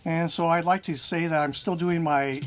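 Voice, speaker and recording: A man with a fairly high voice speaks genially at an outdoor ceremony, using a few fillers. Faint outdoor noise runs beneath his voice. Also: steady tone, moderate pace, a bit bright. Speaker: general manager. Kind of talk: speech. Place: outdoor county park.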